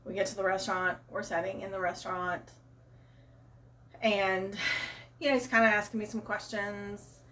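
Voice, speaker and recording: A Southern-accented woman spins an animated personal story in a casual, chatty way. Her voice sits a little back from the microphone, giving a slightly distant sound, at an ordinary pitch for a woman. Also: normal speed, long pauses, a little hiss or hum. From Arkansas, US. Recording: voice a bit far from mic.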